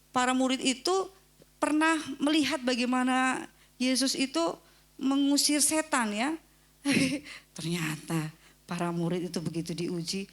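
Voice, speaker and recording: Indonesian woman preaching with sudden soft drops. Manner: lively, acts out voices of scripture figures with sudden high pitch; drops to soft near-whisper on key phrases. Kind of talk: sermon.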